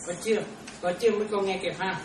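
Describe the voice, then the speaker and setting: A woman's voice: medium pitch, steady tone, very fast. A woman teaching in a Buddhist talk, chatty, often checking whether listeners follow and laughing now and then. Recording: echoey room, distant mic, noisy.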